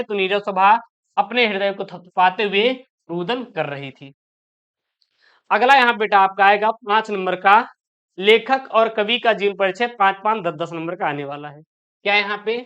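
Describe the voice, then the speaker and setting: Smooth-voiced woman teacher calling students "beta". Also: mid-range voice, a little slow, fairly bright tone, muffled recording. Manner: calls listeners "beta", asks and answers own questions. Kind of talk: exam-prep lesson explaining poetry.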